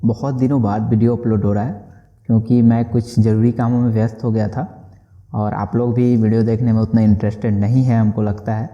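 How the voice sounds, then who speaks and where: Dark-voiced man teaching English in Hindi. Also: lowish voice. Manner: repeats English sentences slowly and deliberately. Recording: muffled lo-fi recording.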